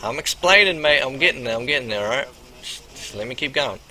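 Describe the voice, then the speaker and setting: A man's voice: medium pitch, expressive, fast talker, pushed and bright. A man voicing a boastful, swaggering pimp character in a game role-play, telling a rambling, profane story.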